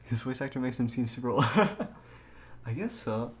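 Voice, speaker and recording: A game streamer chats casually and reads aloud on a live stream, giggling often and breaking into laughter as he talks. His medium-pitched voice is animated and unhurried.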